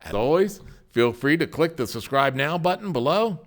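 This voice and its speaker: Man telling stories with lively, swinging pitch. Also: moderate pace. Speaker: channel host and storyteller. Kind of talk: scripted narration of local stories.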